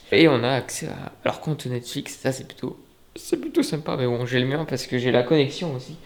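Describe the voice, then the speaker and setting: A man's voice: medium pitch, steady tone, moderate pace. Chatty young man giving a home tour. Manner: chatty, joking, many fillers. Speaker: vlogger. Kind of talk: casual apartment tour vlog. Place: indoors and on a balcony.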